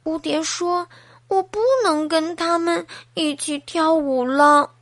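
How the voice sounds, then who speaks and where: A woman voicing a small, cheerful boy hedgehog who loves to dance, in a gentle, musing way for a children's storybook. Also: very high voice, steady tone, slow, dry recording, pitched above the performer's own voice, full character voice. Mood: sad.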